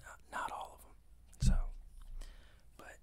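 Man in his thirties, American accent, whispered ASMR review, very slow pace, close mic. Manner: slow, unhurried, informal whispering. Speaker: fragrance reviewer and ASMR host. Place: small indoor room with shelves of bottles. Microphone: close desktop condenser microphone.

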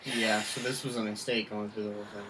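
A man's voice: on the low side, little pitch movement, fast, background noise. A young man co-commenting on a game with dry wisecracks. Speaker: gameplay co-commentator. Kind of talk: casual gameplay commentary. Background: game music.

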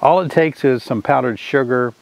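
A mid-range male voice with vocal fry and a moderate pace belongs to an older, chatty beekeeper teaching in a casual vlog. He keeps putting questions to his viewers, first outdoors by a hive and later on a covered porch.

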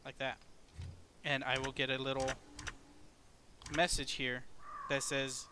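A man's voice: medium pitch, little pitch movement, takes it slowly, background noise. A man giving casual gameplay commentary, explaining things step by step in a laid-back way with plenty of swearing. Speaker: gaming video host.

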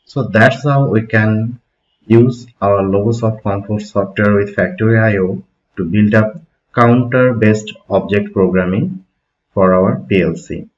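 A man's voice: fairly low pitch, a little slow. A man in his thirties giving a step-by-step technical tutorial from a desk in a small room. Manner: steady step-by-step explaining. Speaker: automation instructor. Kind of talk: screen-recorded technical tutorial. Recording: dull lo-fi home recording.

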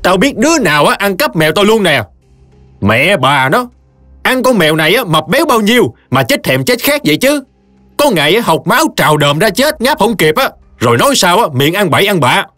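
A man's voice: sits high, very animated, fairly quick, voice pushed up, heavily acted. A man voicing a foul-mouthed old village woman who screams curses, with a Mekong Delta Vietnamese accent. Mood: screaming curses. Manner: screeching curses, cursing in long rants. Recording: dry close studio voice, soft music behind.

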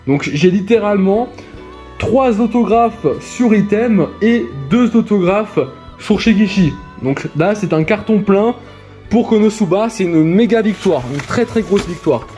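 A chatty man walks through his haul in a casual vlog, repeating himself and filling gaps with little hesitations. His voice sits a touch high for a man, and faint music plays underneath. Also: measured pace. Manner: chatty, many fillers and repeats, excited. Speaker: vlogger showing convention purchases.

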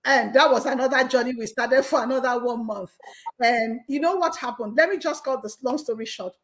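A woman's voice: fairly high pitch, fairly quick. A woman hosting a faith talk show, sharing an emotional, fervent testimony and calling out praise. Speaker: host. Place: Canada.

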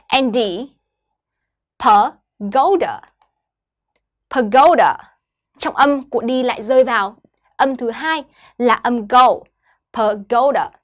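A woman teaching an online English lesson, slowly modeling each English word and then explaining it to schoolchildren. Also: high-pitched, steady tone. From Vietnam.

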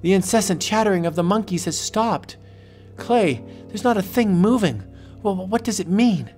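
A man's voice: high-pitched, lively intonation, normal speed, a little mellow, faint music behind, pitched above the performer's own voice. A man voicing a pleading frightened young woman. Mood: uneasy. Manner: pleading, anxious.

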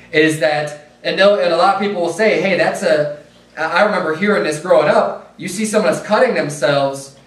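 A man's voice: sits high, a bit bright. Preaching man in an echoey church. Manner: conversational preaching with fillers and asides. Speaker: pastor. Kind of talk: sermon. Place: church sanctuary. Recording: echoey room, mic at a distance.

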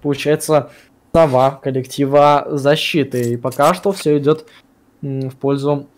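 A man's voice: mid-range voice, fairly even intonation, unhurried. A man giving casual, analytical esports commentary, hesitant as he searches for words. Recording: faint noise, clicks, game sounds.

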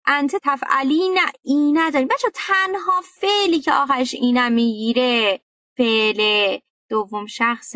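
A woman with a Persian accent teaches a grammar lesson in a bright, higher voice, lively and emphatic, reciting verb forms one after another. The sound is dry, with the mic set a little away from her. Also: vocal fry, dry recording, far from the mic. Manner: lively and emphatic, addresses students directly, recites verb conjugations. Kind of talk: online video lesson.

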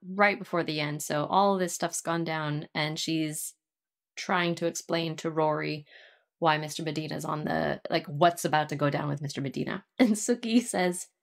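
A woman co-hosting a casual podcast, talking in a thoughtful, rambling way and laughing often. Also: lowish voice. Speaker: podcast co-host. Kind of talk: casual chat.

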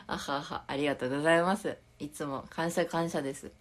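A woman's voice: low-pitched, fairly even intonation, brisk. A young woman with a Tokushima dialect, chatting casually on a live stream and reading viewer comments aloud with frequent giggles. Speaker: idol livestreamer.

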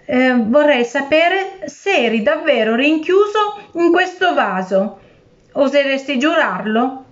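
A poor, clever fisherman in a spoken fairy tale, as a woman reader takes him on, pleading and shrewd by turns. His lines come slow and somewhat high, with a dull, lo-fi sound. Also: big pitch swings, full character voice. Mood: desperate, cunning. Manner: pleading, then shrewd and defiant.

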